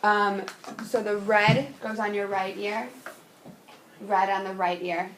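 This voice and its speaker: A woman with a medium-pitched voice explains a hearing test. She is reassuring and repeats simple steps, in an echoey room with faint noise. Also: level tone, takes it slowly, fairly bright tone.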